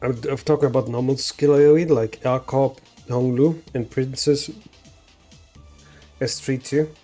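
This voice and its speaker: A man's voice: mid-range voice, fairly even intonation, measured pace, warm tone, soft background music. A man streaming a game live, casually chatting, swearing and reading the lines aloud in translation.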